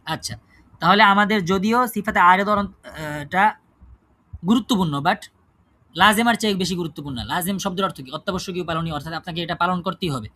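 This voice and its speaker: A man's voice: high voice, a little fast, bright, forceful tone. A man teaching a class on recitation rules. He asks the students questions, answers them himself and keeps checking that they follow. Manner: checks understanding with frequent tag questions.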